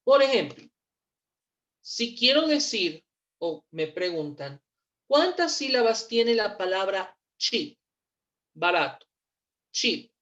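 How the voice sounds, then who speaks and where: A woman teaching English in in an online class, patient and repeating each word slowly for pronunciation. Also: mid-range voice, very animated, fairly bright tone, lo-fi sound. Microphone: computer mic on a video call.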